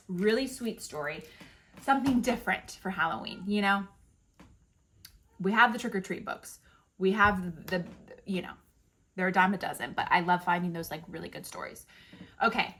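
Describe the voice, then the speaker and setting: A woman's voice: mid-range voice, a bit bright, slight background noise. A woman chatting casually and enthusiastically about favorite picture books, with lots of fillers and restarts. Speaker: book reviewer. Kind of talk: casual book recommendations.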